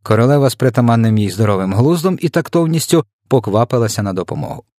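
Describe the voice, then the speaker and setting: Expressive male audiobook narrator, dry sound. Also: mid-range voice, fast talker, dry recording. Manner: lively, expressive storytelling.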